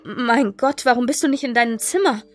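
A woman's voice: fairly high pitch, a little fast, soft background music, pitched above the performer's own voice, natural voice. A woman reading aloud, voicing a sleepy, shaken young mother who scolds her son. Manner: timid, then scolding.

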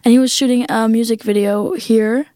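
A woman's voice: a little high, steady tone, normal speed, warm tone, dry recording, studio quality. A woman hosting a music podcast in an informal, playful, chatty interview style. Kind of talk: casual chat interview.

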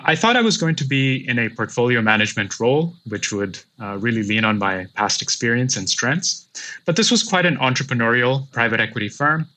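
A man from Pakistan in his thirties appears as a guest on an interview podcast. His voice is bright and forceful, and he tells his story in a measured, reflective way. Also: medium pitch, expressive. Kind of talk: casual interview.

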